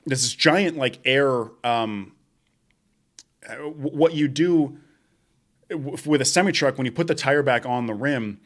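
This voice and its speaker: A man's voice: medium pitch, measured pace, long pauses. A young man co-hosting a podcast, telling job stories in casual chat, swearing often and laughing as he goes. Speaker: podcast co-host.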